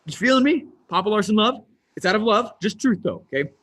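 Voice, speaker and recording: A man giving a motivational online presentation as a business coach, energetic and emphatic, speaking straight to his audience through a computer mic. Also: high-pitched, fast.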